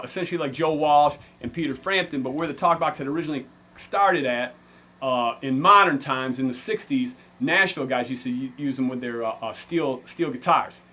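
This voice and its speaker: Fairly high-pitched, pushed and bright, this American man shows off gear informally for his band's vlog. He speaks like a relaxed musician vlogger, full of slang.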